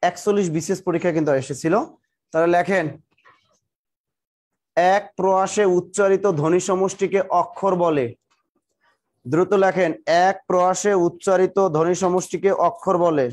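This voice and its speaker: A male teacher giving a live online exam-prep class, repeating definitions slowly so students can write them down and urging them to hurry. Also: high-pitched, steady tone, a little mellow. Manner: talks to viewers directly, greeting them by name and district.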